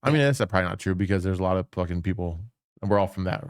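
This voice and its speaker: Guy rambling fast in a podcast chat, cussing a lot, dry close sound. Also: low voice, smooth, no room sound. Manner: rambling, swearing, restarts a lot. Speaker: podcast co-host. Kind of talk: casual chat.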